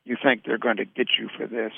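A man voicing a blunt, weary male soldier comrade who speaks quietly and cuttingly, on a tinny radio recording. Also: lowish voice, flat delivery, a little fast, vocal fry, a little hiss or hum. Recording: tinny narrow radio sound.

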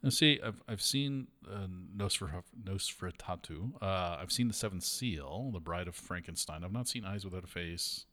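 A man co-hosting a casual chat about films, chatty and quick to laugh. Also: sits low. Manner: chatty, laughs often, lively delivery.

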